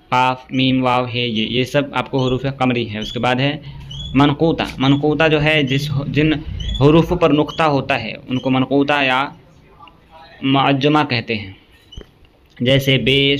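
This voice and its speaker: A male teacher works through an exam-prep grammar lesson at a middling pitch. He reads out lists one item at a time, steady and methodical, and often pauses to check in with his viewers. A faint hiss sits under his voice. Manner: recites lists steadily, checks in with frequent "okay".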